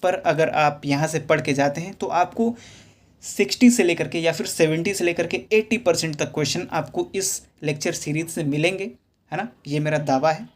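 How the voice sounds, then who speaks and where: A man teaching physics for exam prep, reading English questions slowly and explaining step by step with rhetorical questions. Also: fairly high pitch. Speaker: physics tutor.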